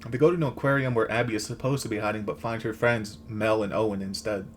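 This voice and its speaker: A man's voice: lowish voice, fairly even intonation, fast, a little hiss or hum. A man delivering a scripted comedic rant as host, with sarcastic, crude, slangy jokes. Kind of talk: comedic rant recap of a video game, scripted narration.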